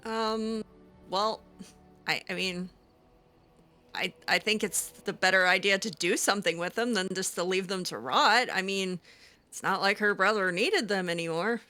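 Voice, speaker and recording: With soft music playing in the background, a woman roleplays her way through a video game, making up chatty dialogue as she goes. She's the channel host, sounding hesitant at times and tossing out quick interjections. Her voice is medium in pitch, a little slow, and pushed and bright.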